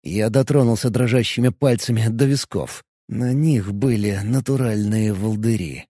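A man narrating a first-person audiobook in an expressive, lively way. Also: on the low side, moderate pace, no room sound, clean studio sound.

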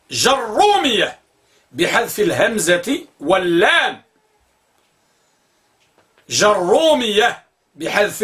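High, bright-voiced man teaching grammar. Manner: explanatory, repeats words slowly to spell out vowels, asks the class questions. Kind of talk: classroom lecture on pronunciation.

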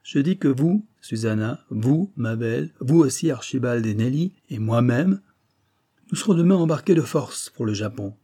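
A man's voice: medium pitch, lively intonation, moderate pace, mellow, voice pushed up, close to an everyday voice. A man voicing a stubborn old billionaire. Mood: calm, firm. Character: older male American billionaire, phlegmatic, stubborn.

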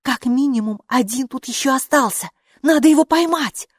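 Brief: woman reading as a sharp-tongued girl in a storybook, loud, bright and scornful. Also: high-pitched, moderate pace, breathy edge, no echo, studio quality, pitched above the performer's own voice. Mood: bossy. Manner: snapping, mocking. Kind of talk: audiobook character voice.

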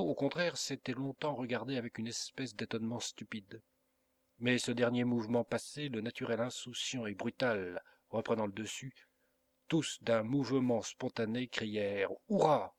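A man narrating a classic adventure novel as an audiobook reader, in an expressive, dramatic storytelling manner. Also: mid-range voice, moderate pace.

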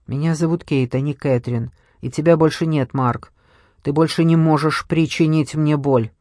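A man's voice: a little high, fairly even intonation, normal speed, darkish tone, dry recording, clean studio sound, lightly acted. A man voicing a worn-down older mother, speaking in a strained, pleading way. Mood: defiant.

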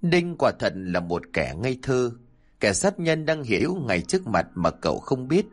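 A man narrating an audiobook story with an expressive, dramatic delivery. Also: medium pitch, normal speed, soft background music.

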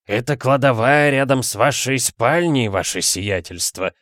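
A man voicing a deferential male servant who speaks excitedly. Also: medium pitch, unhurried, no echo, studio quality, pitched above the performer's own voice. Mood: alarmed.

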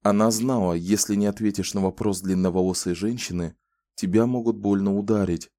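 A male audiobook narrator with a low, dark, mellow voice, telling the story in a calm and measured way. He sits close to the mic, and the recording is dry, with no room sound. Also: no room sound.

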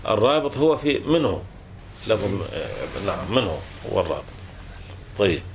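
A man's voice: on the low side, very animated, normal speed, a little hiss or hum. Patient man teaching grammar, repeating rules. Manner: patient and repetitive, restating each rule several times with self-corrections. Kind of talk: explaining a classical grammar text to a student.

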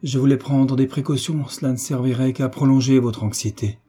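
A man voicing an earnest young gentleman in an audiobook, explaining gently and earnestly. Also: medium pitch, steady tone, brisk, breathy edge, pitched above the performer's own voice, natural voice. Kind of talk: audiobook character reading.

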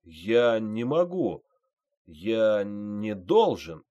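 A man voicing a frightened, drugged young male private who gives loud, strained replies, in an audiobook reading. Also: lowish voice, very animated, extremely slow, muffled recording, heavily acted. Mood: faltering.

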